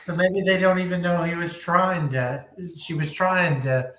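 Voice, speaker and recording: A man talks slowly through his turns in a tabletop game, trading jokes and laughing often. His voice is bright and a little high. The room around him rings with echo. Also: a crowd in the background. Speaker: player.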